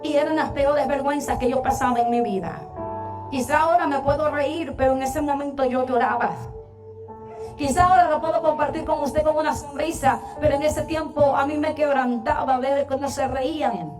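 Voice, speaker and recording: Young woman, very high voice, testimony from the pulpit; heartfelt storyteller, distant church mic over soft music. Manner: heartfelt, storytelling with long pauses. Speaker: church singer giving a testimony. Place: church sanctuary.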